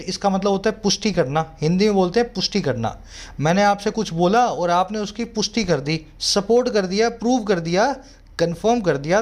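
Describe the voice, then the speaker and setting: High-voiced Indian tutor teaching words. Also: male voice. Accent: Indian English. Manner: explains each word slowly and reads example sentences in a measured way. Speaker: English tutor. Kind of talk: vocabulary lesson.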